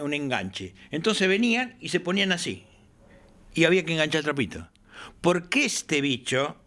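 An older man with an Argentine accent, chatting in his workshop as an interviewee and telling stories animatedly, acting out the dialogue he quotes. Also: sits high. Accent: Argentine Spanish. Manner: animated storyteller who acts out quoted dialogue. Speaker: aircraft builder interviewee.

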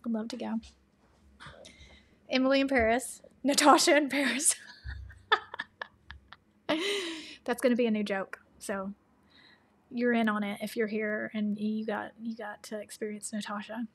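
A chatty woman with a Tennessee Southern accent hosts a casual livestream and answers viewer questions. She laughs often and slips into soft asides. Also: medium pitch, moderate pace, breathy edge. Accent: Southern American (Tennessee).

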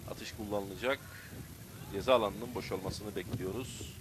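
A man's voice: lowish voice, moderate pace. Male football commentator, live play-by-play breaking into screamed calls, faint background noise. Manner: bursts into loud, excited shouting at key moments.

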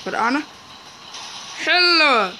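A man with an Egyptian Arabic accent giving excitable live gameplay commentary, repeating words in quick bursts. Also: extremely high pitch, background noise. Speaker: gaming YouTuber.

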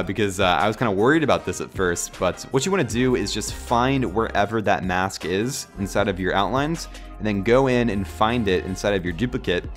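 This is a casual software tutorial captured on screen, narrated by a low-pitched man who is clearly ill. His sore throat makes him sound nasal and cracky, and he rambles easily with lots of fillers over quiet background music.

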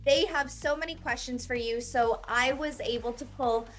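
A woman's voice: sits high, moderate pace. A young woman hosting a video-call interview with a band from a small room, gushing and upbeat. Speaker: host. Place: small indoor room, dark backdrop.

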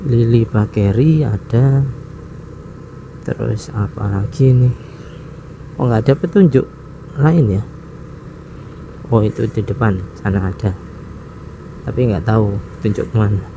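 This motovlog host has a lowish voice and narrates his ride through city traffic in an unhurried, casual way. He muses aloud and chuckles as he wonders where to go, his voice set against street traffic and engine noise.

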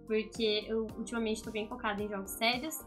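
A woman in her twenties with a Brazilian accent and a raspy, smoker-like voice, chatting in a rambling way to camera as a vlog host. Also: on the high side, flat delivery, brisk, a bit bright, soft background music. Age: 20s. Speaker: video channel host, games student. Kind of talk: casual vlog talk to camera. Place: small indoor home room.

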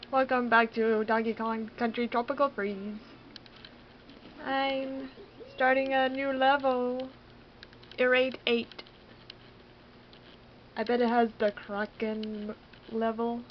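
Slow-talking excitable woman gamer. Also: fairly high pitch, lo-fi sound, slight background noise. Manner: excitable, exclaiming and laughing at the game. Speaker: let's play gamer. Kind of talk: casual game commentary.

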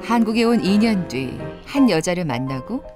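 A woman narrating a documentary in a measured, expressive way. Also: mid-range voice. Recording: narration over background music.

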